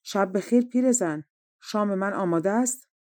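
A woman reading aloud the part of a hungry young prince who shouts his demands in anger. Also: mid-range voice, no room sound, studio quality, lightly acted. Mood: angry.

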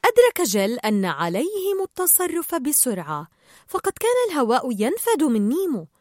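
Lively woman reading a storybook aloud. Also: sits high, moderate pace, no room sound, clean studio sound. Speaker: narrator. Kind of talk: storybook read-aloud narration.

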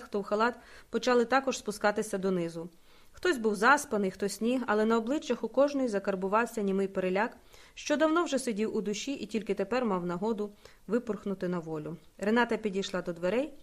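A woman narrating a dramatic story as an audiobook reader. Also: mid-range voice. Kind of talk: scripted narration.

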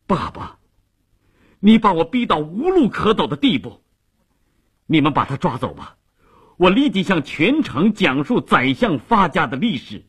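A man voicing a desperate young nobleman who shouts threats, in a radio story. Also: on the high side, sing-song, measured pace, long pauses, husky, pitched above the performer's own voice, heavily acted. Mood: enraged.

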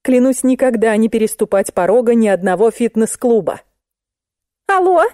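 A woman reading a comic novel aloud in the first person, with a lively and ironic storytelling manner. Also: on the high side, fairly quick, dry recording, clean studio sound. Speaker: audiobook narrator. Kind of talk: expressive audiobook narration.

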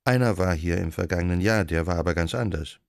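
A timid young widowed innkeeper woman, voiced by a male reader, chatty and earnest with a faintly plaintive edge. Her voice rises somewhat higher than his usual low tone, with a touch of gravel in it. The storybook recording is close and dry. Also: fast, dry recording.

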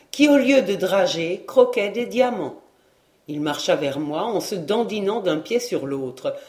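A woman reads a classic novel aloud for an audiobook, measured and expressive in delivery. Her voice is mid-range, and the recording has a roomy sound.

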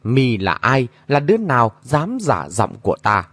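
A man voicing an imperious female martial-arts sorceress who barks commands and shouted questions. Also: mid-range voice, very animated, measured pace, no room sound. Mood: angry demanding.

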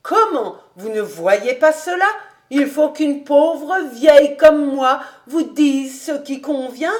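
Woman reader as old housekeeper: fussing, coaxing, a touch high, slow delivery. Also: animated. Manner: eager, coaxing, chattering. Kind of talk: audiobook character reading.

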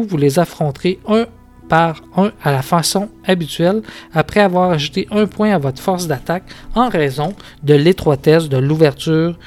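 A man's voice: on the high side, darkish tone. A man with a Québécois accent hosting a podcast, reading a gamebook aloud with dramatic narration and casual asides. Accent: Québécois French. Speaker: podcast host.

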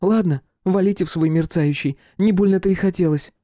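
A man's voice: high voice, fairly quick, warm tone, no room sound, studio quality, pitched above the performer's own voice, lightly acted. A man reading an audiobook, voicing a cheeky, pushy young woman with a wheedling sing-song manner. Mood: sulky.

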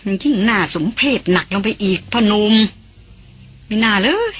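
A worldly foreign woman talks with calm self-assurance and a gently mocking, big-sister tone. Her voice is bright with a husky edge and close and dry, as a woman reads her in an audiobook. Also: mid-range voice, moderate pace, no room sound. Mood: teasing. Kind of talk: audiobook character reading.

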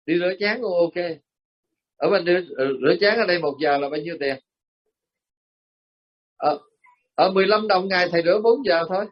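A man's voice: high-pitched, moderate pace, pauses often. A Buddhist monk with a Southern Vietnamese accent, giving a sermon as folksy storytelling with frequent chuckles, speaking directly to his listeners. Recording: muffled lo-fi recording.

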